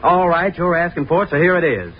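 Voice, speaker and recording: A man's voice: on the high side, expressive, fast, close to an everyday voice. Actor as brash college fraternity man, muffled radio. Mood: scornful. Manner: blunt, slangy, condescending. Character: brash, dismissive young male fraternity student. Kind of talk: 1930s radio drama acting. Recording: dull, noisy 1930s radio recording.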